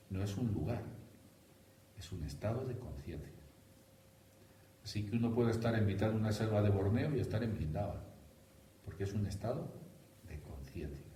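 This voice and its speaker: A man with a Spanish accent from Spain, giving a devotional talk to a group, animated and teasing. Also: fairly low pitch, slight background noise. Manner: animated, teasing, laughs at own jokes. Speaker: spiritual teacher. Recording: echoey room from a distance.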